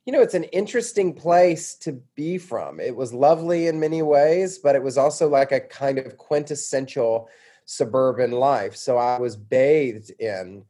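Warm, slightly rough and medium-pitched, this man's voice moves at a moderate pace. He is an interview guest from suburban Atlanta, Georgia, reflecting on his own life with self-deprecating humor as he chats.

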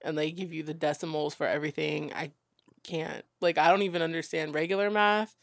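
A chatty man co-hosting a casual podcast, his voice a little high for a man and gravelly with fry. He jumps in eagerly and likes to explain things. The sound is dry and close. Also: steady tone, brisk, a bit bright, dry recording. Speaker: podcast co-host. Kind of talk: casual chat.

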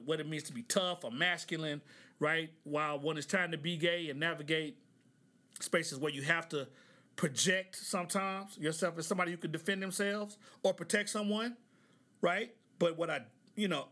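Podcast host, man from Oklahoma, high and bright voice, loose conversational commentary with "right?" asides. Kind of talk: casual commentary.

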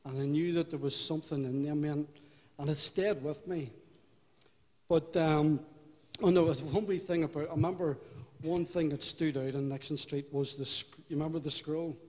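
An older man with a Belfast accent giving a personal testimony in church, unhurried and reflective, with halting restarts. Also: on the high side, steady tone, a little mellow. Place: church hall. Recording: hall reverb.

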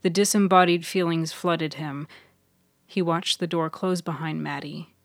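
A woman narrating her own serial fiction in a measured, even storytelling voice. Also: low-pitched, no room sound. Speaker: author and narrator. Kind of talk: scripted audiobook narration.

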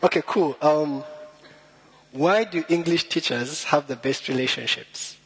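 A young Rwandan man, a little nervous, gives an informal storytelling talk as a guest speaker, keeping it chatty and joking with puns and self-deprecating humor. His voice is on the high side and slightly rough, and he takes his time. The recording is rough.

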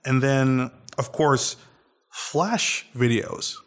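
An American man, a podcast guest, chats casually and rambles, restarting often and using lots of fillers. His medium-pitched voice is smooth, and he draws out his words.

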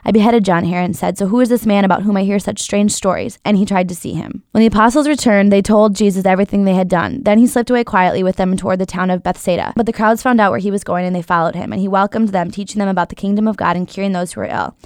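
Woman, Bible reading, brisk even narration, mid pitch, dry close sound. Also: dry recording. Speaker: Bible reader.

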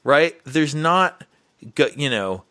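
Animated man talking in casual conversation. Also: fairly high pitch, slow. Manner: animated, rambling, many restarts. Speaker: podcast co-host and writing teacher.

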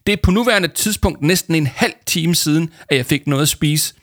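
A man's voice: fairly bright tone, natural voice. A man voicing a big, always-hungry grown man who bellows with dramatic seriousness in a storybook reading. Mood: grave. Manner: booming, dramatic, overly serious. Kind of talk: storybook character voice.

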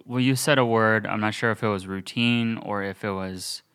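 A young man co-hosts a casual podcast chat, speaking earnestly and thinking aloud with many restarts. His lowish voice is a bit bright and clean in tone, steady, and at normal speed.

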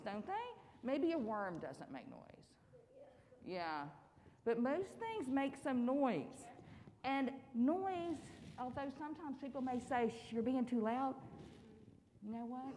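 Female children's sermon leader, sweet and patient Sunday school manner, highly expressive higher voice, echoey church hall. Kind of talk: children's sermon, talking with young children in question and answer. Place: large church room. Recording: echoey church hall, faint background noise.

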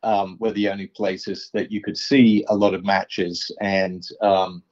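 A man, speaking as an artist guest in a casual interview, pausing often with ums and uhs. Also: deep voice, little pitch movement, darkish tone. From England. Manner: hesitant, many ums and uhs. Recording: dull lo-fi sound.

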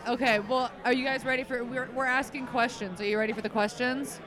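A woman's voice: on the high side, fairly even intonation, fast talker. A woman co-hosting a podcast, playfully asking strangers questions outdoors. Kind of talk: casual street chat. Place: outdoors on a busy city street. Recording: busy street with music and crowd. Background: music and crowd chatter.

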